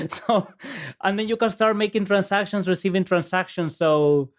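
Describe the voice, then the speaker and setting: A man from El Salvador, a podcast guest, chatting in a relaxed way with frequent fillers and easy laughs. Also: high voice, normal speed. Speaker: podcast guest, innovation agency CEO. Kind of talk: casual interview chat.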